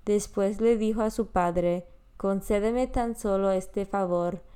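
A woman reading the daily Bible readings and devotion in a measured, reverent manner for a prayer podcast. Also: mid-range voice, mellow, clear, resonant tone. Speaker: podcast scripture reader.

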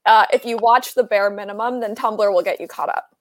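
A young woman with a Canadian accent hosting a podcast in an upbeat, chatty way, often tossing in quick agreeing asides. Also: medium pitch, slight background noise. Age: young adult. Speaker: podcast host. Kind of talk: casual podcast chat.

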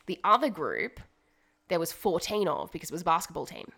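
A young woman co-hosting a podcast, telling a long story in a rambling, animated way full of fillers. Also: lowish voice, a little fast, gravelly, breathy edge. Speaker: podcast co-host. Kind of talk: casual chat, storytelling. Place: home dining room.

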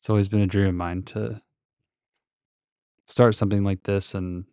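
Deep-voiced man, slow and gravelly, close-miked. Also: little pitch movement, a little mellow, no room sound. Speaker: podcast host. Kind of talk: casual solo podcast monologue, rambling and reflective. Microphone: very close to the microphone.

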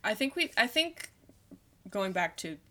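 A woman's voice: medium pitch, big pitch swings, a little slow, fairly bright tone. A woman co-hosting a casual podcast, rambling and hesitant, with many "like"s. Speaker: podcast co-host. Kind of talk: casual chat about a TV show.

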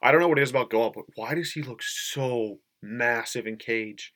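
A man's voice: mid-range voice, normal speed, a bit bright. A man co-hosting a casual sports podcast, from the Upper Midwest, joking and laughing at his own jokes. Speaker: podcast co-host.

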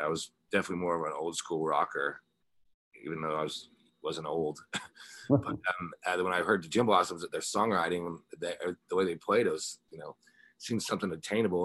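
A rock guitarist and singer from a small town in the Ozarks of Missouri, USA, tells stories as an interview guest in a rambling, anecdotal way, peppered with "you know." His American voice is deep, husky and a bit bright.

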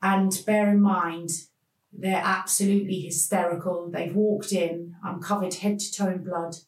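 A woman tells a painful personal story as a podcast guest, speaking haltingly with many pauses. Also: lowish voice, level tone, recorded from a distance. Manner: slow, halting, emotional retelling with many pauses. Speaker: podcast guest telling her life story. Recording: roomy sound, voice off the mic.

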